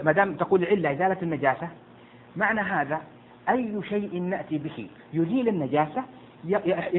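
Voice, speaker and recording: Man, sheikh teaching a class, quick and fairly high voice, tinny phone-like sound. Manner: quizzes and hushes students; stumbles and repeats words. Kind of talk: interactive classroom lesson. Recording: tinny lo-fi with faint noise.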